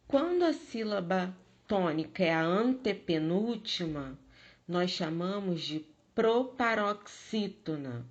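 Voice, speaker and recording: A woman teacher with a Brazilian Portuguese accent giving a recorded distance-learning lesson, slow and careful, stressing syllables loudly. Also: lowish voice.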